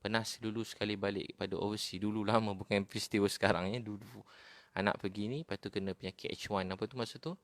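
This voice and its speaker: A man preaches in a loose, conversational way, repeating himself and dropping "ha" between phrases. His voice sits low and has a gravelly edge. The sound is close and dry. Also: steady tone, fast talker, no echo. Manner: conversational, peppered with "ha" fillers and repetition. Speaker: Islamic preacher. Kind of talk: informal religious talk.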